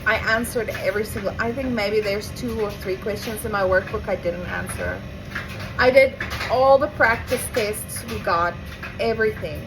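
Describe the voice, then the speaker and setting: Over music, a young South African vlogger with an Afrikaans accent tells a chatty, meandering story to camera, full of asides and self-corrections. Her mid-range voice moves at a moderate pace, and the home recording is noisy, with appliances running.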